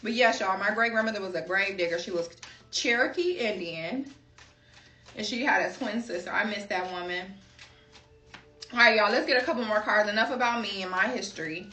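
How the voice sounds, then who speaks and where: Speaking fairly quickly in a medium-pitched, sharp voice, a tarot card reader from Chicago, USA, does a laid-back reading for viewers she addresses as y'all. She's chatty and often wanders into personal anecdotes, recorded in an echoey space with the mic somewhat distant.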